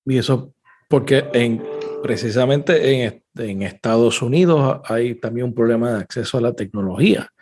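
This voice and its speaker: A man hosting an interview podcast, asking questions in a halting way with frequent restarts. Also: mid-range voice, a little mellow, a little hiss or hum. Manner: halting, restarts phrases often. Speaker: podcast host.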